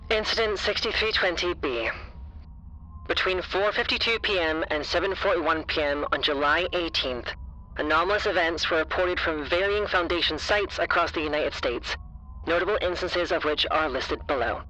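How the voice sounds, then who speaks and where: In an audio drama, an actor plays an impersonal male official reading an incident report as a scripted bulletin, formal, clipped, and detached. His voice is fairly high with a sharp tone at a moderate pace. The audio quality is poor.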